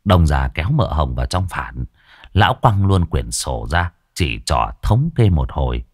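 A man telling a comic story in lively, earthy slang. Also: extremely low pitch, unhurried, husky, no echo, clean studio sound.

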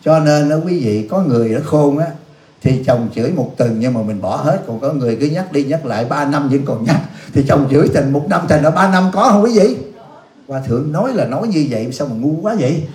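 A man's voice: on the high side, lively intonation, fairly quick, a little mellow. A man, a Buddhist monk, giving a blunt, scolding dharma talk and answering questions from the audience, teasing them with laughs. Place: youth center hall. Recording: echoey hall.

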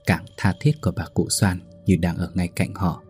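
A man narrating a spoken ghost story in a steady, somber way. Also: sits low, normal speed, breathy edge, faint music behind.

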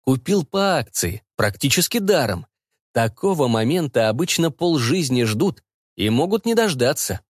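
A man narrating an audiobook in an expressive, wry way. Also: mid-range voice, moderate pace, dry recording, clean studio sound.

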